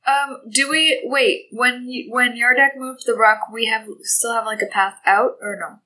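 A woman's voice: a little high, fairly even intonation, moderate pace, sharp tone, low-quality recording. A woman chatting casually as a player in a tabletop game, informal and inquisitive.

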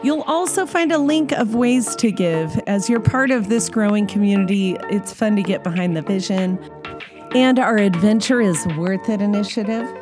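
A woman's voice: medium pitch, moderate pace. An American woman giving a scripted podcast introduction and announcements as host. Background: music.

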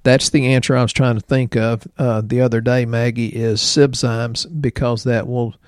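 A man's voice: medium pitch, little pitch movement, moderate pace, no room sound, clean studio sound. A man in his sixties co-hosting a health podcast, chatting casually in a rambling way with joking asides. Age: 60s. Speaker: podcast co-host, health practitioner.

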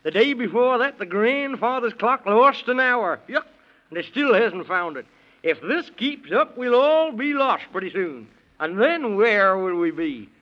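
A man's voice: high-pitched, sing-song, a little slow. A man playing a fussy, scatterbrained Man in the Moon who gets flustered and repeats himself, in a 1930s children's radio serial. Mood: fussy, muddled. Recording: dull, muffled 1930s radio recording.

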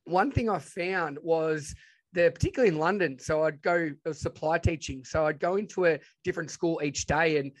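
A man's voice: a little high, brisk. A man with a broad Australian accent, chatting informally and enthusiastically as he tells stories as an interview guest. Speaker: podcast guest, educator and presenter. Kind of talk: casual interview storytelling.

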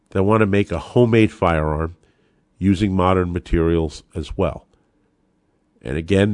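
This political podcast host, an American man, has a fairly low voice captured cleanly in the studio without echo. His monologue is opinionated and pugnacious, driven by emphasis and rhetorical flourish.

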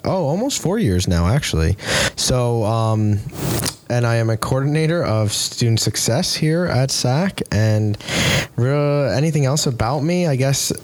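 A man from New York State, a student success coordinator, chatting in a relaxed, talkative way on a college podcast. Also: lowish voice. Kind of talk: casual podcast chat.

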